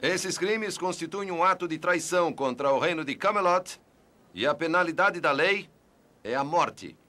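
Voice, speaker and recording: An actor playing a stern royal court herald, making a formal, measured proclamation in a dubbed film. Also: male voice, a little high, animated, bright, forceful tone. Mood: stern, official. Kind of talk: dubbed film drama acting.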